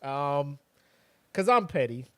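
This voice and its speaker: A man co-hosting a podcast in casual chat, animated and sarcastic, full of slang. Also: on the high side, slow pace, noisy background. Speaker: podcast co-host.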